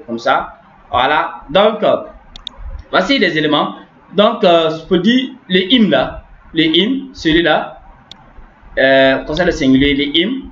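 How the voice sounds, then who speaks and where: A man teaches a language lesson in a slightly high voice, walking through grammar rules and repeating each point several times. The recording is echoey and dull, like a lo-fi room capture. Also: a bit bright, slight background noise. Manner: repetitive, explaining step by step with frequent "n'est-ce pas".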